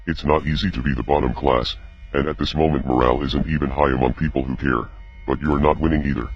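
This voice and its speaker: A man reading a grave, accusatory scripted statement as an anonymous spokesperson, his voice disguised by a voice changer that drops it very deep. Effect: voice changer lowering the pitch, disguised deep voice. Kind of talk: scripted statement read aloud. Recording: muffled lo-fi audio with music behind.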